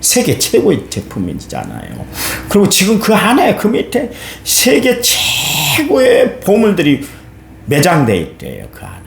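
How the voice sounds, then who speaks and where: A man preaching a dawn service sermon as pastor, colloquial and animated, acting out people's complaints. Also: sits high, unhurried, creaky. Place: church sanctuary. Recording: echoey church hall, faint hum.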